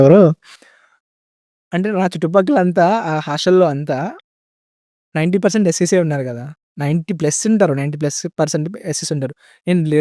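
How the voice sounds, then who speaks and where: A man's voice: fairly high pitch, dark tone, dry recording, studio quality. A young man telling stories in a casual podcast chat, mixing in English words and often calling the host "bro". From India. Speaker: guest.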